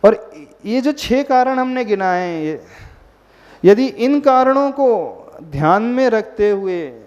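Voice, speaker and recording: A Jain monk gives a sermon slowly, his high, slightly mellow voice rising and falling in big pitch swings before a gathered audience. He often asks the listeners questions and uses English words here and there. The recording is dull and lo-fi, with long reverb from the hall.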